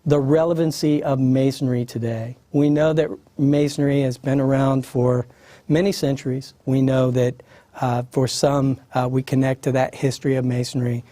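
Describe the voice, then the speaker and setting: Mellow-voiced male panel moderator. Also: mid-range voice, moderate pace, no room sound. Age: 50s. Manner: relaxed, conversational with frequent fillers. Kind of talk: panel discussion.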